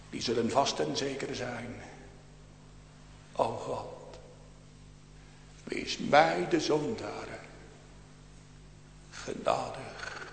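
Gravelly preacher in an echoing church. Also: male voice, a little high, a little hiss or hum. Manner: slow, swinging between loud outbursts and hushed near-whispers. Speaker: pastor. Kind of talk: sermon. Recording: echoey church with long reverb.

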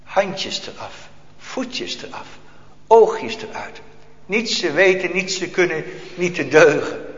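A man preaching a fervent sermon in a somewhat high voice, his delivery swinging between loud outbursts and hushed, near-whispered passages. The recording is dull and lo-fi, and a long reverb rings through the church. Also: lively intonation, slow pace. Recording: echoey church hall, dull lo-fi.

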